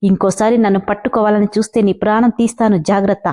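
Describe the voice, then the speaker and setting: A woman's voice: mid-range voice, level tone, fast, mellow, lightly acted. A woman voicing a distressed but defiant young married woman in a storybook reading. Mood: angry. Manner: angry, tearful pleading.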